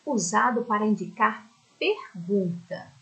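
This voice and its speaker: A woman's voice: mid-range voice, animated, slow, pushed and bright, lo-fi sound. A Brazilian woman teaching a primary school lesson in a recorded remote class. She talks affectionately and explains step by step, often checking in with her pupils. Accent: Brazilian Portuguese.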